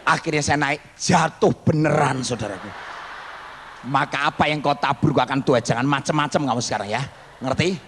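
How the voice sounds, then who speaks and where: A man's voice: medium pitch, moderate pace, a bit bright. A male pastor preaching a storytelling sermon, acting out the voices in his stories and joking with the congregation. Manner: dramatic, acts out quoted voices, jokes with the congregation. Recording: long hall reverb, faint background noise.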